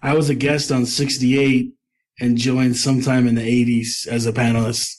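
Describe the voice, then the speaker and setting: A man's voice: mid-range voice, level tone, moderate pace, darkish tone. A man on a podcast panel, chatting casually with dry, teasing humor.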